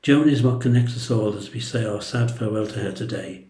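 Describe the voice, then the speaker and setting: An older man with an English accent reads a tender eulogy. His voice is fairly low and mellow, with a soft, dark tone. The delivery is solemn and measured, and the room around him echoes. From England. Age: older, 60s or above. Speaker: brother giving a eulogy. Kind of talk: prepared eulogy, read aloud.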